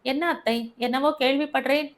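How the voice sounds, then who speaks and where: A woman voicing a kindly young male cousin who teases gently, in a storybook reading. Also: extremely high pitch, steady tone, moderate pace, pitched above the performer's own voice. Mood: concerned. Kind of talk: storybook narration.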